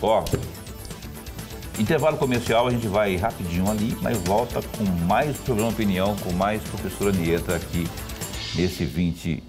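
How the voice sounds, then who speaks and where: A Brazilian man with a low voice hosts a TV talk show in a relaxed, folksy manner. He chats easily and keeps drifting into asides. Faint music plays behind him. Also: moderate pace.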